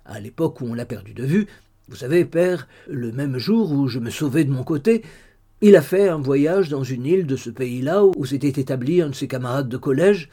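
A man's voice: medium pitch, animated, normal speed, dark tone. A man reading the lines of an earnest young man explaining his plans to his father in an audiobook. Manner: earnest, persuasive.

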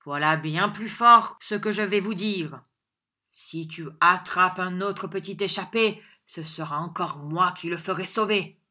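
A woman's voice: lowish voice, moderate pace. A woman voicing a bluff, hot-tempered honest country man who blusters and defies his opponent in a storybook reading. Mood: defiant. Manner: loud, blustering and defiant.

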